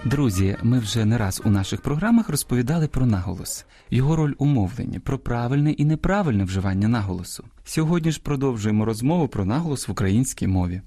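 A man hosting a radio language program, reading a scripted lesson in a measured, teacherly way and speaking straight to his listeners. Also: medium pitch, lively intonation, mellow, faint music behind. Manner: measured, didactic, addresses listeners directly.

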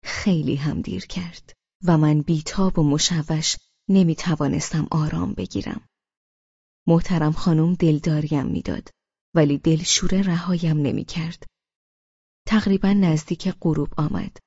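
A woman's voice: deep voice, husky, no room sound, highs cut off. Woman narrating an audiobook, dry sound. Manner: expressive storytelling. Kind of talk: first-person audiobook narration.

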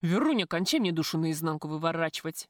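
A woman reading an audiobook, voicing a coarse, possessive male gang boss who talks in rough slang. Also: low-pitched, expressive, fast, no room sound, studio quality, pitched below the performer's own voice.

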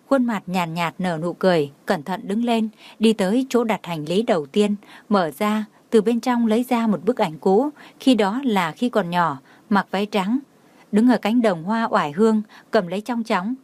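A woman's voice: medium pitch, normal speed, darkish tone, no room sound. Woman reading an audio novel. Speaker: narrator.

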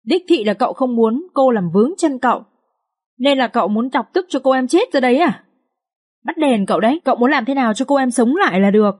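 Female narrator playing a high-pitched young maid, tearful and wailing, in a storybook reading. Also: animated, fairly quick, darkish tone. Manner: wailing, pleading. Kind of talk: audiobook character reading.

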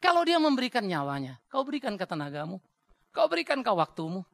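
Gravelly high-voiced Batak pastor preaching. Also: male voice, fast, no echo. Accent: Batak Indonesian. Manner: blunt, joking, animated preacher. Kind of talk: sermon.

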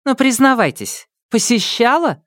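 A man reading an audiobook, voicing a sharp-tongued, mocking young court lady who teases and scolds with impatience. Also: very high voice, big pitch swings, measured pace, dry recording, studio quality, pitched above the performer's own voice, exaggerated voice. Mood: teasing.

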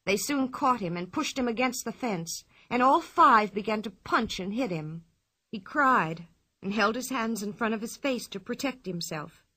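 A woman reading a children's storybook aloud in a clear, expressive, measured way. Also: fairly high pitch. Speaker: narrator.

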